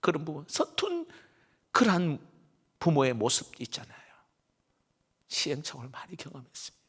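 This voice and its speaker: A middle-aged male pastor, preaching a sermon emphatically and swinging between loud stresses and hushed, half-whispered asides. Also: on the high side, huge pitch swings, moderate pace, slightly rough. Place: church sanctuary. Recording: reverberant church sanctuary.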